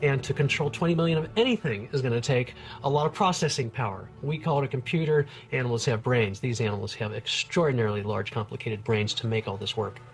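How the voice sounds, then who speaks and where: A man's voice: mid-range voice, quick pace, creaky, few pauses, faint music behind. A middle-aged man, a research scientist, explaining things informally and with wonder as an expert in a nature documentary. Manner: enthusiastic, marvelling, plain-spoken.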